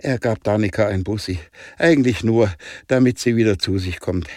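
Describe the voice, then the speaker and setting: A man's voice: on the low side, normal speed, mellow, no room sound, clean studio sound. Man reading a playful story. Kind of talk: audiobook narration.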